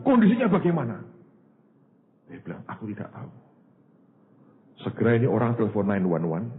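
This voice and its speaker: A man preaching a sermon as a pastor, telling a story and often calling the congregation "saudara". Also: lowish voice. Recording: tinny phone-like sermon recording with faint hiss.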